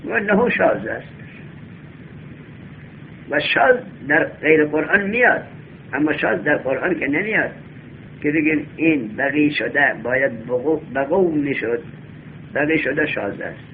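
A male teacher giving a classroom lesson, reading a text slowly aloud, then explaining it and quizzing his students. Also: fairly high pitch, lively intonation. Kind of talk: classroom lesson on Arabic grammar. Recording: tinny lo-fi recording with faint hum.

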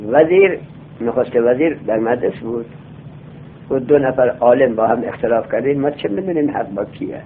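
A male teacher giving a classroom lecture. He reads lines of a text aloud slowly, then explains them and quizzes his students. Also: mid-range voice, expressive, a little hiss or hum. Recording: tinny lo-fi phone-like sound.

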